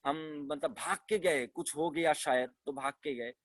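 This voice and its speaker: A young man speaks in a fairly high voice, recorded close and dry with no room sound. He tells his own story earnestly and emotionally, stumbling, restarting and repeating phrases as he goes. It sounds like heartfelt personal testimony. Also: measured pace, no room sound. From West Bengal, India. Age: young adult. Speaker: devotee sharing his experiences.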